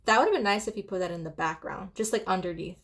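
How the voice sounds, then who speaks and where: A woman musician giving casual reaction commentary on an album, excitable and analytical, now and then humming or singing along. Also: medium pitch, fast. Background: the reviewed song playing loudly.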